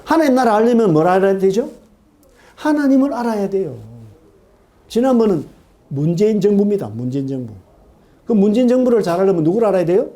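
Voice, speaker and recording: A middle-aged man preaching a sermon in a church, animated, asking his congregation questions and acting out quoted voices. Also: high-pitched, quick pace. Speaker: pastor. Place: church sanctuary.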